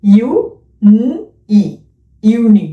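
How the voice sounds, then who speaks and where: A woman leads a children's phonics lesson, stretching out and repeating each letter sound. Her voice sits at an ordinary pitch and carries a roomy echo. She is heard from a little way off the mic. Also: fairly even intonation, distant mic, muffled recording. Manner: slow, drawn-out repetition of letter sounds. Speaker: phonics teacher.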